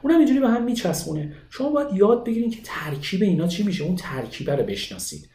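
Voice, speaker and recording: A man teaching a language lesson, explaining study methods with lively, rising emphasis. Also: sits high, echoey room. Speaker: English teacher.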